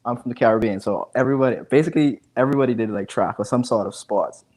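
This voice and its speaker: A fast-talking man with a medium-pitched, darkish voice joins a video call from home as an interview guest. He's a Bahamian digital marketing specialist in his 20s, wearing an earphone headset, and he chats casually while often repeating words.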